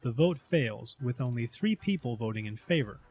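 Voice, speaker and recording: A man's voice: mid-range voice, animated, moderate pace. A man giving scripted narration as he recaps a party game.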